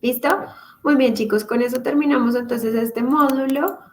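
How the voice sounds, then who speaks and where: A woman's voice: on the high side, fairly even intonation, normal speed, a little hiss or hum, low-quality recording. A woman teaching an online class, explaining patiently step by step over a computer microphone. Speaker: English teacher. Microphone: computer mic on a video call.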